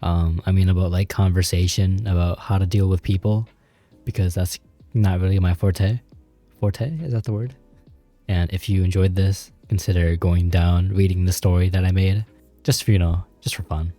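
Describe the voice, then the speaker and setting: A man's voice: deep voice, little pitch movement, moderate pace, warm tone, faint music behind. A man talking casually to camera, rambling with lots of filler words and laughing at himself. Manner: rambling, loose, full of "like" and "you know" fillers; laughs at himself, informal with swearing. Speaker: vlogger. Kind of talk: casual advice talk to camera.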